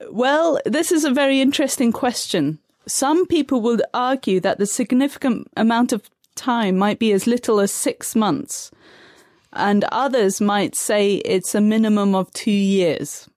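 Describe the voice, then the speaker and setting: A woman who grew up in Tanzania, calmly explaining terms step by step as an interview guest. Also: medium pitch, measured pace, no echo, clean studio sound. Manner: calm, methodical, defines terms step by step. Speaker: guest expert on third culture kids. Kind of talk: measured explanatory interview answers.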